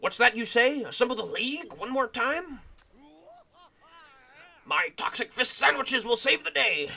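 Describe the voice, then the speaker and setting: A man's voice: very high voice, big pitch swings, measured pace, creaky, sharp tone, pitched above the performer's own voice, exaggerated voice. A man voicing a boastful heroic male zombie leader in a bombastic, declaiming way.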